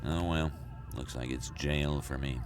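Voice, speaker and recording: A man's voice: very deep voice, fairly even intonation, measured pace, soft background music. A man voicing a fussy, pedantic middle-aged cartoon school principal, prim and stiff. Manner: prim, stiff, self-correcting.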